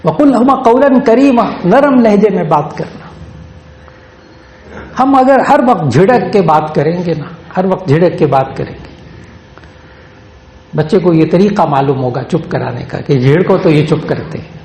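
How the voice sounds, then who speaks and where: A man's voice: fairly high pitch, expressive, pauses often, a little mellow. A male Islamic scholar giving a sermon, repeating phrases for emphasis and reciting verses in a melodic chant. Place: Lahore. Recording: echoey hall with faint ambience.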